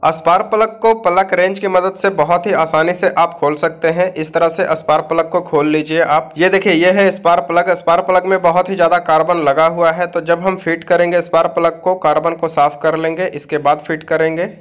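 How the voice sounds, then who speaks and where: Male repair host, high voice, plain step-by-step tutorial talk. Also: flat delivery, brisk, few pauses. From India. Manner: plain instructive talk, addresses viewers directly.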